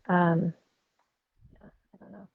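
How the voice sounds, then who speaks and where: A woman's voice: fairly low pitch, little pitch movement, takes it slowly, creaky, slight background noise. A woman on a video call, speaking hesitantly with many ums and trailing off, heard through the call on a screen recording. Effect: heard over a video call on a screen recording. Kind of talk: casual troubleshooting chat. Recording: dull, muffled call audio.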